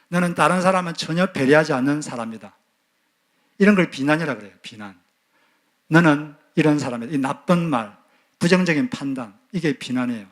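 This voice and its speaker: A pastor with a fairly high, fairly bright voice preaches a sermon. He asks the congregation questions and acts out quoted lines of scolding.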